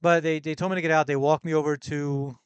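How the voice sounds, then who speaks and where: Young american man, casual travel storytelling, slightly high voice, dry close sound. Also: level tone, quick pace, smooth, no echo, muffled recording. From United States. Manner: rambling, self-correcting, laughs between thoughts. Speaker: podcast host.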